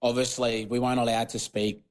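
A former rugby league player from Papua New Guinea, a native Tok Pisin speaker, talks as a guest in a casual podcast interview. He speaks briskly in a mid-range, level-toned voice. He rambles a lot, with frequent fillers and restarts.

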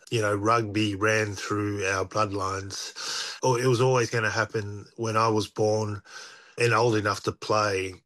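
A man, a former rugby player talking as an interview guest in relaxed, reflective stories full of restarts. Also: fairly low pitch. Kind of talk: casual interview chat.

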